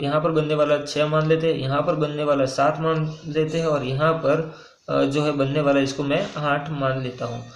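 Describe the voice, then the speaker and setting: A male maths teacher with a fairly high voice walks through a problem step by step. He keeps asking and answering his own questions, with filler pauses between them. The room around him sounds echoey. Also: a little hiss or hum. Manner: casual, with frequent "uh" pauses and repeated phrases. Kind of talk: whiteboard maths lesson.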